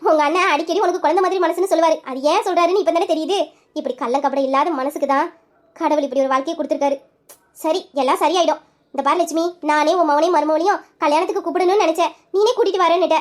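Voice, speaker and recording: A high young voice playing a widowed sister-in-law who consoles a younger woman in a soothing, motherly way. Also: racing. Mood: calm, practical.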